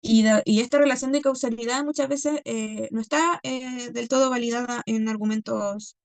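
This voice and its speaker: A woman teacher reviewing a class lesson, checking in constantly with "¿ya?" and "¿cierto?" and pausing on many fillers. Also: on the high side, fairly even intonation, creaky, no echo. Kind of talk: recorded class review lecture.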